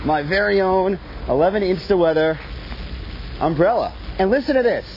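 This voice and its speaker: This Baltimore-accented man gives an upbeat, folksy live weather report from a snowy city street, calling his viewers folks. His high-pitched voice has lively intonation at normal speed, and he sounds out of breath. The audio is dull broadcast sound with a little noise underneath.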